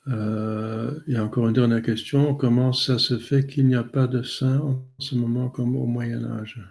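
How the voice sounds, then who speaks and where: A man, a priest giving a catechism talk and answering questions in a halting way with many fillers. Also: medium pitch, little pitch movement, gravelly, darkish tone.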